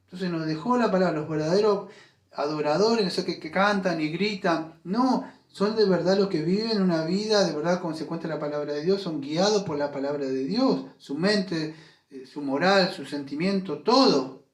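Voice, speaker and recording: A man's voice: a little high, normal speed, echoey room. A man preaching a sermon as pastor, emphatic and full of rhetorical questions. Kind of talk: Spanish-language sermon. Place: church.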